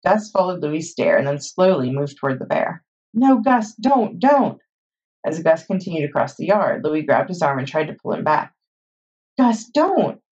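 A woman's voice: deep voice, fairly quick, few pauses, a little mellow, recorded from a distance, natural voice. A woman reading aloud voices an anxious young boy, pleading and crying out in fright, on a dull lo-fi recording. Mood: frightened. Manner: urgent, pleading, frightened cries. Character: anxious young boy searching for his donkey.

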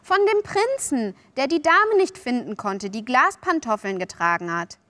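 A sly, boastful boy from a storybook, as a woman reader plays him. He coaxes and tempts in a raised, lively voice, offhand one moment and eager the next. The recording is dry and close. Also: on the high side, normal speed, no echo. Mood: coaxing. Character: cocky, sly boy who never grows up.

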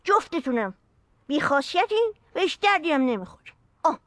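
A woman's voice: high voice, sing-song, no echo. An actress playing a blunt, commanding mother who insists two people marry at once. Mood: bossy. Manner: commanding, teasing.

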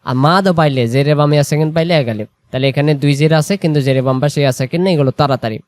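A man teaching Quran reading, drawing out example words slowly and then explaining quickly, asking and answering his own questions. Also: a little high, dry recording. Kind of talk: explanatory lesson.

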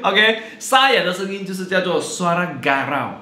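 Male teacher, bright and very expressive delivery, recorded in a roomy space. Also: sits high, normal speed. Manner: animated and jokey, mixing in English and Malay words. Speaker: language teacher. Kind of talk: playful video lesson. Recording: roomy echo.

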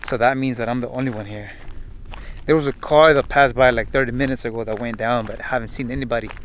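A young man in his twenties talks fast in a steady, medium-pitched voice while vlogging on an open hillside with brush. He thinks aloud and addresses viewers through a handheld camera at arm's length in casual narration, with slight background noise audible.

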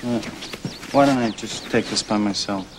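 A man's voice: on the low side, normal speed, background noise, close to an everyday voice. An actor playing an impatient travelling man in a TV musical comedy, grumbling in exasperation. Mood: exasperated. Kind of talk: live-action TV musical comedy acting.

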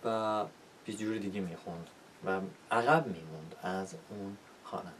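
Low-voiced man teaching pronunciation. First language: Persian. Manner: demonstrates sounds by repeating words slowly. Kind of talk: spoken lesson. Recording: distant mic with faint rumble.

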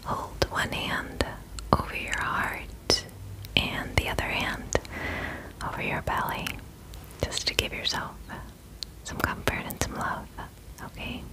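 A young woman gives a whispered pep talk in an ASMR style. Her breathy whisper moves extremely slowly, close to the mic. She repeats short, soothing reassurances. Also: poor audio. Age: 20s. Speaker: ASMR host. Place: indoor room at home.

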